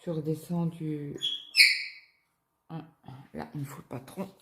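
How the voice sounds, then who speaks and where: Low gravelly woman chatting while stitching. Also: fairly even intonation, unhurried. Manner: rambling, chatty storytelling with many fillers. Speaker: cross-stitch vlogger. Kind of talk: casual chat while stitching. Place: at home. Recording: echoey room with loud background noise.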